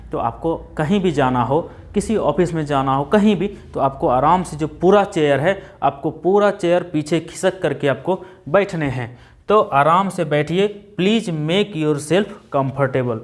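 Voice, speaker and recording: A man from India teaching a spoken English lesson, explaining with chatty everyday examples and repeating English phrases slowly and carefully. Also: on the high side. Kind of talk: classroom lesson.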